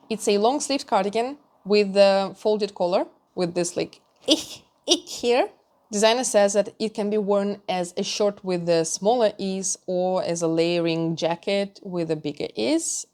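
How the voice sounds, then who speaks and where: A woman knitting vlogger giving a chatty, candid review of knitting patterns, with small laughs and restarts. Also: lowish voice.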